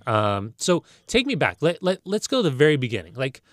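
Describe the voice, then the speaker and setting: A middle-aged man hosts a casual, chatty interview. He talks in a familiar, rambling, anecdotal manner at a medium pitch, with a dry, close sound. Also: huge pitch swings, brisk, no room sound. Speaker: interview host.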